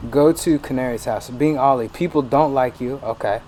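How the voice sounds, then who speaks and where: A man's voice: mid-range voice, moderate pace, a little mellow, a little hiss or hum. A man ranting profanely in casual let's-play commentary as a gaming streamer. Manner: profane, ranting, laughing asides.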